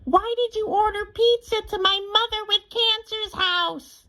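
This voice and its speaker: A woman's voice: extremely high pitch, fairly even intonation, measured pace, sharp tone, pitched above the performer's own voice, full character voice. A guy putting on a shrieking furious teen girl. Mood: furious screaming.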